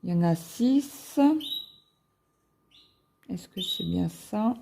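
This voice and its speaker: Brief: woman, cross-stitch vlogger, unhurried and mellow, thinks aloud with lots of "euh", faint hiss behind. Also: fairly low pitch, animated, vocal fry. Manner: musing aloud, halting, many fillers. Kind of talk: casual screen-share chat.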